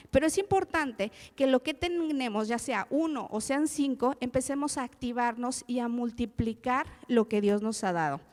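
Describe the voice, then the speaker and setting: A woman's voice: on the high side, a little mellow. Woman preaching in an echoing hall. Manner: conversational, addresses listeners directly with tag questions. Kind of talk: sermon. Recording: long reverb of a large hall.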